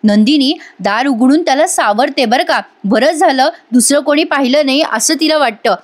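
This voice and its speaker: A woman's voice: sits high, moderate pace. A woman narrating a voice-over review of a TV serial episode, emotive and speaking directly to her viewers.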